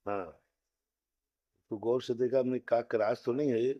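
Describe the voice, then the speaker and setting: A man teaching a Sanskrit grammar class, explaining step by step, slowly chanting rules and putting questions to his students. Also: medium pitch, steady tone, dull audio.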